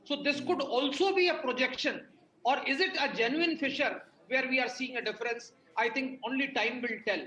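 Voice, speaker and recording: A man's voice: very high-pitched, moderate pace, sharp tone, slight background noise. A man with an Indian accent giving analytical commentary as a guest on a news programme. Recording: echoey room sound.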